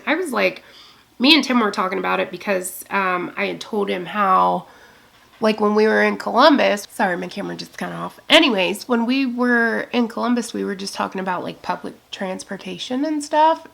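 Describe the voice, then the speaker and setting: A talkative woman in her thirties, swearing freely as she rambles through a story. Her voice has a gravelly fry under a middle pitch. She speaks to her own camera at home. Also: fairly bright tone. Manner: chatty, profane, storytelling with quoted asides. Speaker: beauty vlogger. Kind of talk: rambling get-ready-with-me chat.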